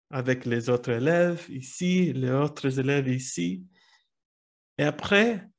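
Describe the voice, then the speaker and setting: Halting man with an American English accent. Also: on the high side. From United States. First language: Italian. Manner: halting, searching for words, restarting phrases. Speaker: speaker at a language club meeting. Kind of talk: personal storytelling in a learned language.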